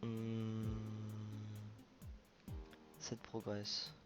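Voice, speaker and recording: In a casual coding screencast, a man hosts a programming tutorial and thinks aloud informally, full of fillers and self-corrections. His fairly low voice is monotone and drags out words, with music playing in the background.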